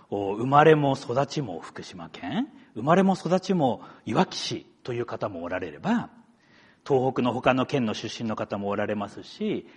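A man's voice: medium pitch, breathy edge, big-room sound. A middle-aged man from Akita, a pastor giving a chatty sermon, talking straight to the congregation. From Akita, Japan. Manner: chatty, story-telling asides that address the congregation. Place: church sanctuary.

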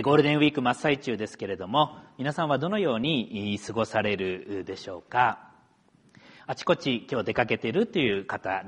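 In a church sanctuary, a middle-aged pastor from Akita, Japan gives a chatty sermon straight to his congregation, full of storytelling asides. His voice is fairly low and husky, with a big-room sound.

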